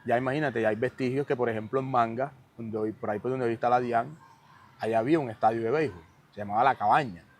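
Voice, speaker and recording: A man's voice: mid-range voice, quick pace. Caribbean Colombian man over background noise. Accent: Colombian Caribbean, from Cartagena. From Cartagena, Colombia. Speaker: podcast guest. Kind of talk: casual conversational explanation.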